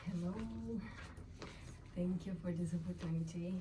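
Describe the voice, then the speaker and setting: A woman from Brazil with a Brazilian accent and Portuguese as her first language, haltingly introducing herself to ask for guidance. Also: on the low side, little pitch movement. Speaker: audience member asking for guidance. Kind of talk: personal, halting self-introduction. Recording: distant mic with faint noise.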